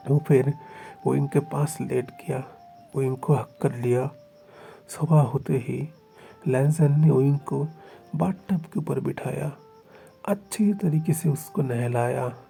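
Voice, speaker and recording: Dark gravelly male storyteller. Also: medium pitch. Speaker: narrator. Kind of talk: storytelling narration of a fan fiction. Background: faint music.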